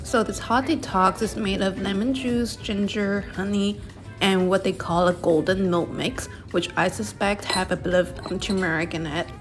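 A woman's voice: medium pitch, fairly even intonation, normal speed, over music. A young woman narrating a casual shopping vlog in a chatty, descriptive way. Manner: chatty, descriptive, reviewing products. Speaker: vlogger.

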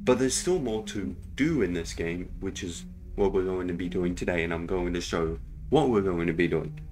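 A man hosting a casual horror game playthrough, thinking out loud and exclaiming at scares. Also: deep voice, moderate pace. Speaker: gaming video host.

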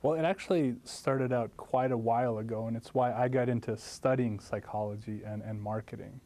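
A man in his thirties from Lithuania, answering interview questions in a studio with animated storytelling and lively jumps in pitch. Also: moderate pace. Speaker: guest professor. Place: studio set, seated. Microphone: lapel mic.

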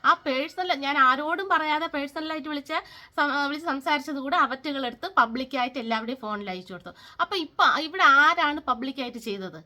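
A woman's voice: high voice, fast talker, bright, forceful tone. A woman, speaking in a bitter, sarcastic and scolding personal vlog rant. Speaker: vlogger.

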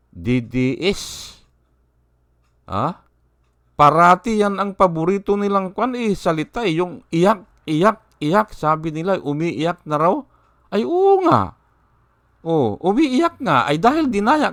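A man's voice: on the high side, a bit bright, no echo, clean studio sound. A man giving political commentary like a sermon, speaking rhetorically, often asking his listeners questions and quoting scripture. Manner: rhetorical, keeps asking "hindi ba?", quotes scripture. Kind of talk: political commentary vlog with preaching.

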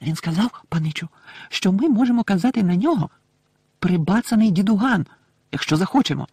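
A man voicing a timid, excitable male house-elf servant with a squeaky, servile way of talking in an audiobook. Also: a little fast, husky, dry recording, studio quality, exaggerated voice. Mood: eager squeaky. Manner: squeaky, servile, calls everyone young master.

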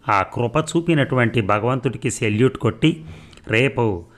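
A man narrating a story in a measured, expressive reading. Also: mid-range voice.

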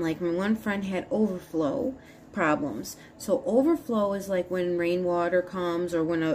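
A woman's voice: fairly low pitch, a little mellow, a little hiss or hum. A woman in her fifties gives a casual spiritual talk to her phone camera at home, explaining earnestly in a meandering way and often restarting her sentences. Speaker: spiritual advisor. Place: small room at home, indoors. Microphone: phone camera at arm's length.

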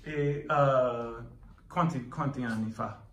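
A man with an American accent, a native English speaker, conducting a casual interview in a second language, haltingly searching for words. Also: medium pitch, a bit bright, roomy sound. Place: indoor art studio.

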